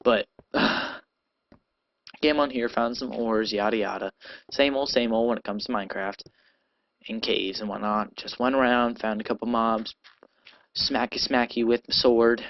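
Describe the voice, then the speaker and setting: A man's voice: fairly low pitch, steady tone, measured pace, no echo. A man casually narrating his own gameplay, rambling and chatty, with restarts and sleepy yawns, on a cheap amateur mic. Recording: dull lo-fi home recording.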